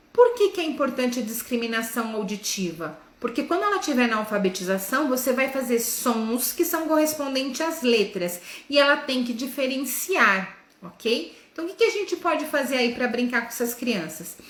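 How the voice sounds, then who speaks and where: Woman, teacher's lesson, bright tense voice, didactic check-ins, sounds out syllables, echoey room. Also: high voice, animated. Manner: sounds out letters and syllables slowly in demonstrations. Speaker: educator.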